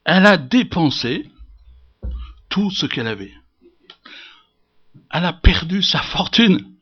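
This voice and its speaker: A man preaching a sermon to his congregation, swinging from loud emphasis to hushed asides and asking rhetorical questions. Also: a little high, sing-song, slow, breathy edge, highs cut off. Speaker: pastor.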